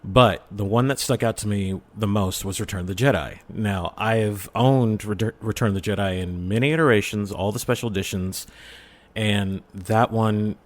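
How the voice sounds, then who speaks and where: A middle-aged man who creates audio dramas is a guest on a podcast, chatting casually and enthusiastically telling personal stories. His voice sits on the low side and moves at a normal pace.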